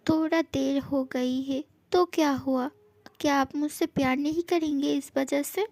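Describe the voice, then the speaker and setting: A woman's voice: high-pitched, fairly even intonation, unhurried, darkish tone, no echo. A woman playing a playful, teasing young wife in a fan audio drama, who taunts and sweetly coaxes. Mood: coaxing.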